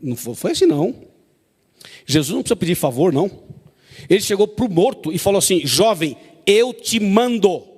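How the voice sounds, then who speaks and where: A man's voice: sits high, big pitch swings, quick pace, pauses often, mellow, husky, big-room sound. A man preaching a sermon, emphatic and repetitive, often asking the congregation to agree.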